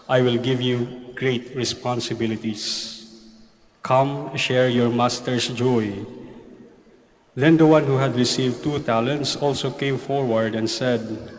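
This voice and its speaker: A man reading the Gospel aloud at Mass in a slow, measured liturgical manner, his voice carried by a cathedral echo. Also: mid-range voice. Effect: cathedral echo, long church reverb. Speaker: priest or deacon reading the Gospel. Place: large church during Mass. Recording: reverberant church recording, faint noise.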